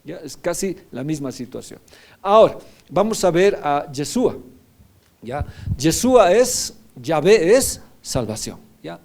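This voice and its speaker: Pastor preaching in a mellow voice. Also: male voice, a little high, very animated, takes it slowly. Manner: teaching, often checking in with "¿ya?". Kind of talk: sermon.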